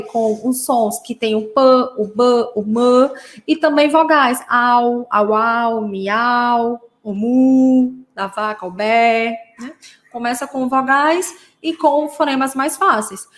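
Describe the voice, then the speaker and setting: Playful Brazilian woman acting out sounds. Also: on the high side. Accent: Brazilian Portuguese. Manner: playful, acts out sound effects, frequent tag questions. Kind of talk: casual teaching talk to parents.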